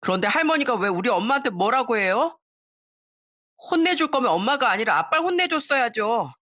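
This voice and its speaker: A woman's voice: on the high side, very animated, a little fast, a bit bright, voice pushed up. A woman voicing a defiant eleven-year-old boy who speaks up in a pointed, reproachful way.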